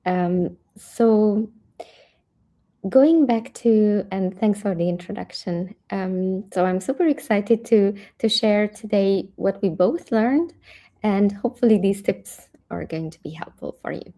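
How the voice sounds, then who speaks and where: A woman's voice: mid-range voice, slow pace, dark tone. A woman from Hungary, a career coach chatting animatedly in an interview with frequent restarts. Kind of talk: casual interview chat.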